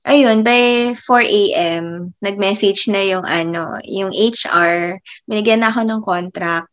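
A young woman in her twenties, a teacher, telling a personal faith story in a casual, chatty way. She laughs often and lets many phrases trail off softly. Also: mid-range voice, a little slow. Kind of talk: casual faith testimony vlog.

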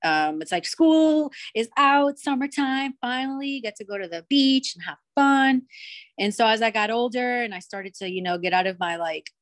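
A woman's voice: a little high, lively intonation, normal speed. A young woman from Cuba, a podcast guest chatting casually in a bubbly, rambling way full of fillers. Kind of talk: casual chat.

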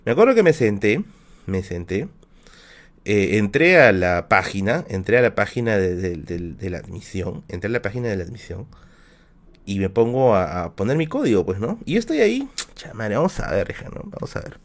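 A man's voice: fairly low pitch, big pitch swings, moderate pace. A man with a Peruvian Spanish accent, casually telling a personal anecdote on his live stream, full of slang and fillers. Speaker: livestream host.

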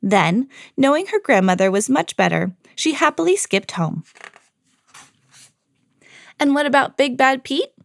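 In a high voice with vocal fry, a woman narrates a scripted children's fairy tale for her read-aloud podcast. Her storytelling is expressive, her pace measured, with long pauses.

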